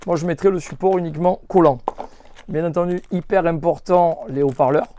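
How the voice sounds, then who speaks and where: Presenting for a motorcycle accessory shop, a man gives an unscripted, hands-on product tutorial, instructive and emphatic, repeatedly reminding viewers of what matters. His voice is fairly high, mellow and steady, a little fast, on a dry recording.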